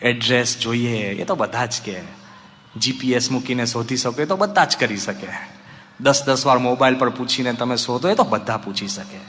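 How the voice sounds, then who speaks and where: A man with a Gujarati accent, a monk giving an animated storytelling sermon who acts out voices and chants. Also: medium pitch, moderate pace, in a large hall, slight background noise. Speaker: monk giving a religious discourse.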